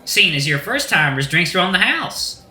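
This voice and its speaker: A man's voice: high-pitched, sing-song, normal speed, sharp tone, echoey room, soft background music, voice pushed up, exaggerated voice. A man voicing a flamboyant, sassy rooster drag queen bar owner with a folksy, effusive Southern American accent. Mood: sassy, welcoming. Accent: put-on American Southern. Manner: folksy, effusive, uses terms of endearment.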